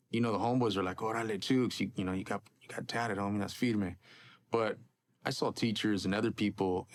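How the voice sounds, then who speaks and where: A man in a casual interview, speaking earnestly and dropping street slang. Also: fairly low pitch.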